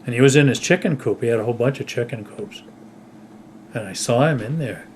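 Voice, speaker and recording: An older man at home casually telling stories from his childhood, unhurried and rambling, often trailing off softly at the end of a phrase. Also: mid-range voice, slight background noise. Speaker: storyteller recalling his childhood.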